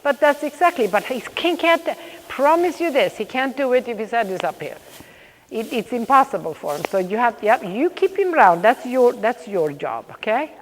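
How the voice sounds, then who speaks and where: Brisk woman riding coach in an echoey hall. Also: on the high side, big pitch swings, slight background noise. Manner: brisk, projected riding commands in short repeated phrases; directive, interspersed with brief praise. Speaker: riding clinician coaching horse and rider. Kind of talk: live riding instruction.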